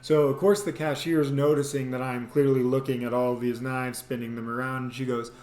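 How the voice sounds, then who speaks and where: Speaking at a medium pitch and a brisk clip, the host recounts a comedic personal anecdote. He performs the dialogue and sound effects with lively energy, and the room sound is echoey.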